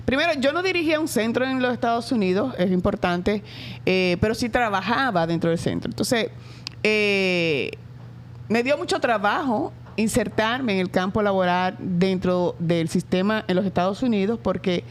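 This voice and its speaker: A middle-aged Dominican woman, a school director, talks through her answers with frequent pauses and filler sounds. Her voice sits in an ordinary middle pitch. Faint noise runs under the recording. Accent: Dominican Spanish. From Dominican Republic. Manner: reflective, many hesitations. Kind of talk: interview answers.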